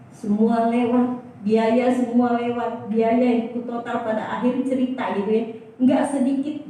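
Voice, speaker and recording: A woman's voice: a little high, recorded from a distance. Older woman preaching in an echoey church. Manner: lively, repeats the key phrase, asks the congregation questions. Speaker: pastor. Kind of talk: sermon. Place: church hall.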